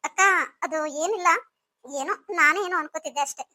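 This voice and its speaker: A woman's voice: extremely high pitch, fast, sharp tone. A woman voicing a hurt, bitter young pregnant wife in a cartoon story, speaking in a reproachful, pleading way.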